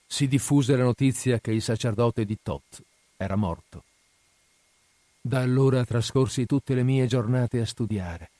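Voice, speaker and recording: A man narrating a dark first-person tale in a dramatic, mournful reading. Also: mid-range voice, no echo.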